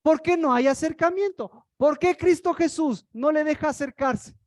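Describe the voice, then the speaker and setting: A woman's voice: high voice, normal speed, a little mellow, no echo, studio quality. A woman preaching a sermon, firing rhetorical questions at the congregation.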